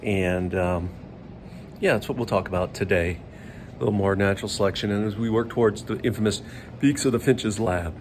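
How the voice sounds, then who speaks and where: A man's voice: on the low side, fairly quick, heavy background noise. Chatty upbeat male biology teacher. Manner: chatty, upbeat, rambling explanations with fillers. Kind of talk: casual classroom video lesson.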